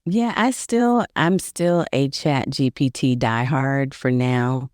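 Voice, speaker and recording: A woman with a bass voice, slow and a little mellow, appears as a podcast guest; she's a video marketing coach. The casual interview is upbeat and she laughs easily, recorded with clean studio sound and no echo.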